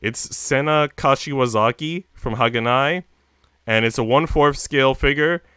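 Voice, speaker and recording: Talking with his stream audience in a loose, slangy, rambling way, this man swears casually as he goes. His mid-range voice comes across smooth, pushed and bright at a normal pace. The sound is dry and of studio quality.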